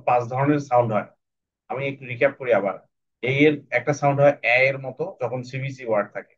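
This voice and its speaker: A man teaching children an English phonics lesson online, repeating each word slowly for them to copy. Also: mid-range voice, lo-fi sound. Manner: slow, repetitive drilling of words. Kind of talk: phonics lesson to children over a video call.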